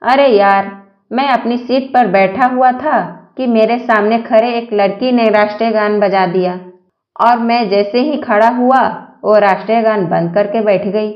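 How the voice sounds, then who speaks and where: A woman voicing Pappu, a cheeky young joke character with a quick comeback. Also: fairly high pitch, roomy sound, highs cut off, natural voice.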